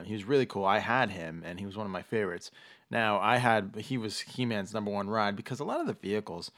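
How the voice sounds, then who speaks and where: A man hosting a casual podcast, explaining things in a halting way with frequent backtracking. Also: fairly low pitch, a bit bright. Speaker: podcast host.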